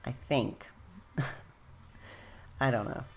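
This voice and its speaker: Speaking very slowly in a gravelly bass with fairly even intonation, a female host walks through her scrapbooking in a loose, chatty way. Her voice is going and she strains it, frequently stopping to correct herself as she rambles.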